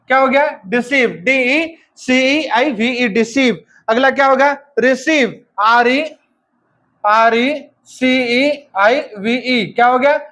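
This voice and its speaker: Brief: man, has a cold, high voice, exam-prep teacher spelling words out and quizzing himself. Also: fairly bright tone. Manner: drilling by asking and answering his own questions, spelling letter by letter.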